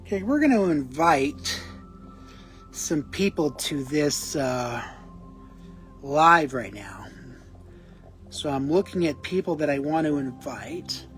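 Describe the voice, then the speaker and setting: A man talking casually on a home live-stream vlog, halting and rambling with many restarts, short of breath. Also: on the high side, animated, faint music behind, low-quality recording. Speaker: vlogger. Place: at home indoors. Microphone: camera on a small tripod.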